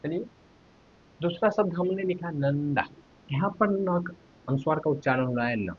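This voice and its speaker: A man's voice: on the high side, lively intonation, moderate pace, husky. A man teaching a Hindi grammar lesson online, asking the viewers questions and sounding out letters one at a time. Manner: asks questions to viewers, then answers them. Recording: dull lo-fi recording.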